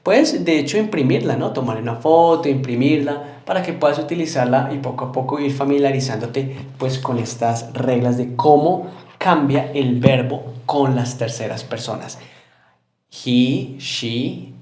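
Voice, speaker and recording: A man's voice: mid-range voice, moderate pace, warm tone, roomy sound. A Spanish-speaking man teaching an English grammar lesson, explaining step by step, repeating example words, and saying them with a British accent.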